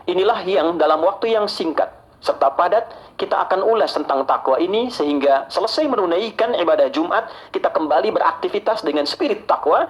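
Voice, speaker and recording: A male preacher delivers a Friday sermon in a measured, emphatic way. His voice sits a little high and climbs further on rhetorical questions. The sound is lo-fi, like a radio recording.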